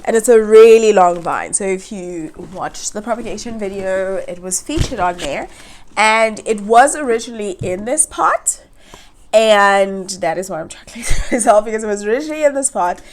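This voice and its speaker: A woman's voice: medium pitch, animated, moderate pace, a little hiss or hum. A young woman hosting a plant channel, chatting casually while repotting, her voice nasal from hay fever, often giggling and rambling. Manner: giggly, rambling, chuckles to herself.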